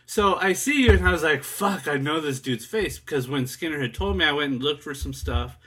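A man hosts an interview over a video call, circling through false starts before he lands each question. His voice is bright, with a sharp edge to it. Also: fairly high pitch, animated, fairly quick, breathy edge. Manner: rambling, restarting his questions. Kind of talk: casual interview.

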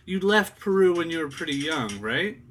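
A man's voice: fairly high pitch, very animated, normal speed, a bit bright, a little hiss or hum. A man interviewing a guest over a video call, rambling and restarting his questions as he goes. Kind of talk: casual interview.

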